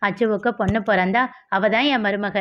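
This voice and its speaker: A woman voicing a young man who speaks firmly and calms others, in a storybook reading. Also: mid-range voice, moderate pace, lightly acted. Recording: dull lo-fi audio.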